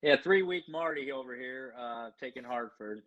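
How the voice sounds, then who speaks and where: A man's voice: medium pitch, normal speed, fairly bright tone, dull audio. A man co-hosting a sports betting podcast, teasing the others in an amused way. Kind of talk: casual podcast chat.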